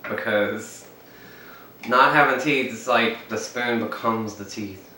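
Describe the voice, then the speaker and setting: A man's voice: lowish voice, takes it slowly, bright, forceful tone. A man chatting and rambling while he eats on camera, filming himself alone indoors. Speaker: mukbang vlogger. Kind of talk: casual eating vlog. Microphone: camera mic set up by himself. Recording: echoey room, mic at a distance, faint noise.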